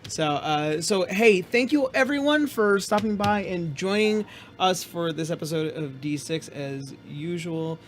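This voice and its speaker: A man hosting a casual tabletop game as game master, talking in a halting, hesitant way. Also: high-pitched, expressive, faint music behind.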